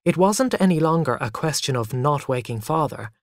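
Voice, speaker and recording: A narrator telling a first-person story for English learners in a lively way. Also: medium pitch, moderate pace, no room sound, clean studio sound.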